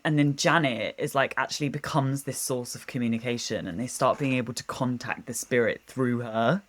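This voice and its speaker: A woman with a very deep voice, speaking at normal speed, co-hosts a podcast. In casual chat she tells a ghost story, giggling, rambling and swearing freely.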